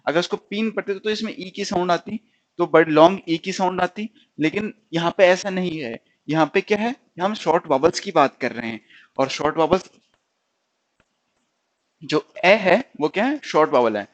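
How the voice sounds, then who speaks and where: In this classroom lesson, a stenography teacher whose voice sits high explains things slowly. He says words, has the class drill sounds and words he repeats, and often asks "okay?"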